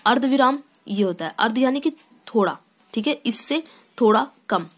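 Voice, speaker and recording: A female teacher explains a lesson in a slightly higher voice than most. She goes point by point, pauses often to check that students are following, and reads textbook lines aloud before breaking them down. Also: lively intonation. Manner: explains step by step with frequent "theek hai" check-ins and restarts.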